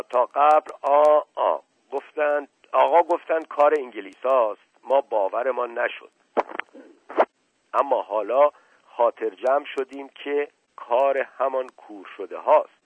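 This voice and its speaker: A man's voice: mid-range voice, no echo, pitched above the performer's own voice, close to an everyday voice. A man voicing a simple, chatty old male servant who rambles in a folksy, earnest way. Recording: dry tinny radio recording.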